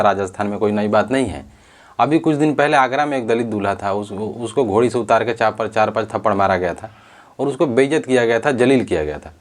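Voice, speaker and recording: A man giving earnest spoken commentary on a social issue, often restarting and correcting himself as he talks. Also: medium pitch. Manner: earnest, repetitive, with frequent self-corrections.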